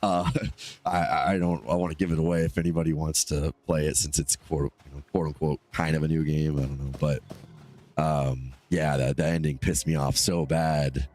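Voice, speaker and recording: Stuffed up with a cold, a male gamer talks casually on his live stream, wandering off on tangents and picking up viewer comments. He speaks at a moderate pace in an extremely low, darkish voice with a level tone.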